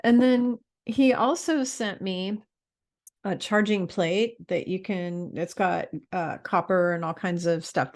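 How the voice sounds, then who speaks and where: A woman's voice: fairly low pitch, vocal fry, a little mellow. A woman talking casually to camera in a rambling, chatty way, with fillers and restarts. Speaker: spiritual vlogger.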